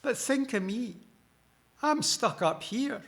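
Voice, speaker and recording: A man's voice: very high voice, lively intonation, takes it slowly, vocal fry, fairly bright tone, full character voice. A man voicing a cheeky, grumbling female fairy stuck on a Christmas tree, with a Scottish accent and a bawdy comic complaining manner.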